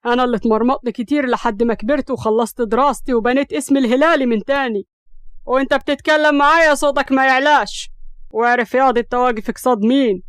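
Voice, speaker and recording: A woman with an Egyptian accent voicing a proud, defiant young Upper Egyptian man who shouts in anger and turns to cold mockery. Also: a little high, quick pace, no room sound, studio quality, lightly acted. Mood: furious.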